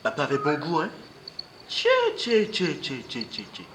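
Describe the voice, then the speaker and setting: A man's voice: fairly high pitch, big pitch swings, normal speed, noisy background. A man playing an eldest son who clicks his tongue in an indignant way. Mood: scornful. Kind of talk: amateur drama acting.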